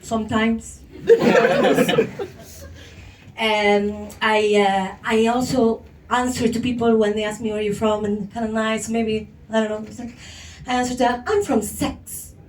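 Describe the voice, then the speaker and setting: A stand-up comedian, joking playfully with the crowd on a handheld mic in a small venue, often laughing and mocking other voices. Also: female voice, fairly high pitch, measured pace. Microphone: handheld microphone. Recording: echoey room, far from camera, noisy.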